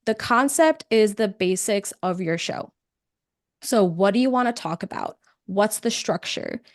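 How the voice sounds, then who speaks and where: A woman presenting a live webinar on podcasting, speaking in a conversational, energetic way with frequent fillers. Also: medium pitch, unhurried, no echo, studio quality.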